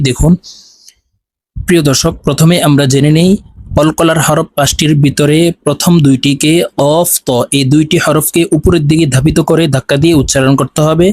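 A male Quran recitation teacher, teaching a lesson and drilling syllables slowly, rising high at the end of each drill set. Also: a little mellow.

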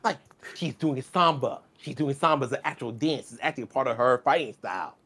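A man's voice: mid-range voice, brisk, a bit bright, slightly rough. A man guesting on a casual gaming chat, opinionated and slangy. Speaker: podcast guest.

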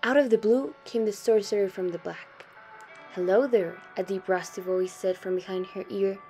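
Woman reading a story over soft music. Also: mid-range voice, fairly even intonation, fairly quick. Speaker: student reader. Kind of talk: reading a short story aloud.

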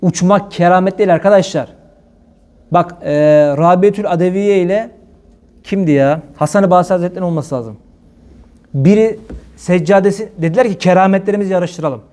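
A man from Turkey preaching to a congregation, switching between loud fervent exhortation and low earnest tones. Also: a little fast. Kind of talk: religious talk to a congregation.

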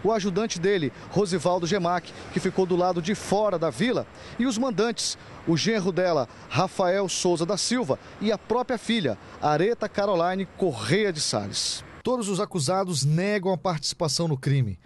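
A man reads a television news report in a firm, steady way, his voice set a little high. A faint hiss of background noise sits under the narration. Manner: brisk, pressing interviewer.

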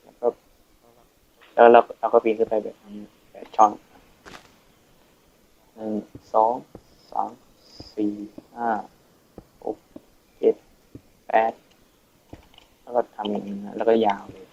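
A teenage boy narrates his game in a low, gravelly voice, chatting and thinking out loud as he builds. He counts and mutters to himself between instructions. The sound is dull and lo-fi, like a cheap home microphone. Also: flat delivery, slow, pauses often. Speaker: Minecraft let's play host. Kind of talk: casual gameplay tutorial commentary.

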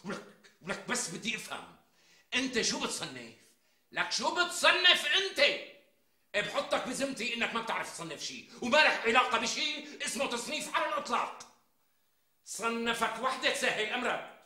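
A man's voice: very high voice, very animated, brisk, sharp tone, echoey room, exaggerated voice. An actor playing a browbeaten middle-aged husband with a Damascene Syrian accent, who rants bold speeches when he is alone in a TV sitcom. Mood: ranting rehearsal. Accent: Damascene Syrian Arabic. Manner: rehearses bold speeches, mocking and ranting. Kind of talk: TV sitcom acting.

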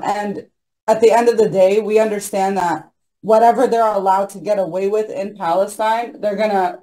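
Speaking passionately on a panel over video call, this young woman sounds warm and mid-range, though the laptop mic gives low-quality audio. She's in a small room, insistent and earnest, filling her speech with ums and you-knows.

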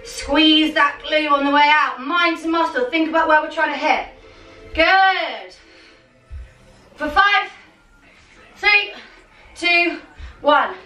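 Bright, high-pitched young woman coaching a workout. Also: slow, pauses often. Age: young adult. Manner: urgent, commanding, motivating gym-coach calls in short bursts. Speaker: fitness coach leading a home workout. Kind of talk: workout instruction with countdowns and cheering on. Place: small home living and dining room. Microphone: camera a few metres away. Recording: roomy, distant mic, music underneath.

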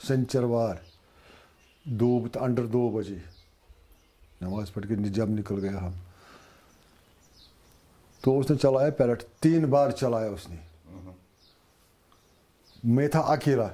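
A man in his seventies with a Kashmiri accent, a shopkeeper giving news interview testimony in a halting, repetitive, plain-spoken way. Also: mid-range voice, mellow. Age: 70s. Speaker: shopkeeper telling of his injury.

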